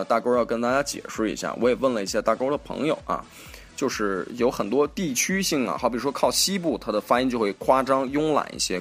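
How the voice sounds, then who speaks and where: A man's voice: fairly low pitch, husky. A man hosting a casual spoken lesson on English pronunciation, chatty, correcting himself as he goes and repeating example words aloud. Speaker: host teaching English pronunciation.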